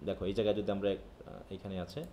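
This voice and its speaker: Patient teacher explaining phonetics, echoey room. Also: male voice, lowish voice, monotone, quick pace, muffled recording. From Bangladesh. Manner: explains patiently, often checks if students follow. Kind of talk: live online phonetics class.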